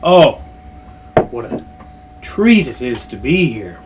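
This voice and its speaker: A man voicing a courtly, sly dragon noble in a tabletop game, with slow, theatrical, drawn-out phrasing. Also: medium pitch, very animated, darkish tone, slight background noise. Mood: proud, savoring. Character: courtly, sly old dragon noble, savoring every word. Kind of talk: tabletop role-play.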